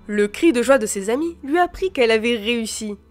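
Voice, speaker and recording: Narratrice de livre audio à voix aiguë. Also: female voice, on the high side, a little fast. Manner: expressive reading. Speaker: audiobook reader. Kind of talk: storybook narration. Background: soft background music.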